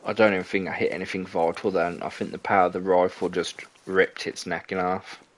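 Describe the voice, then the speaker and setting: A man's voice: deep voice, level tone, brisk, a little hiss or hum. A young man streaming a hunting game, rambling and chatty as he talks to his viewers, often correcting himself mid-sentence. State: out of breath. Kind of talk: casual gameplay commentary.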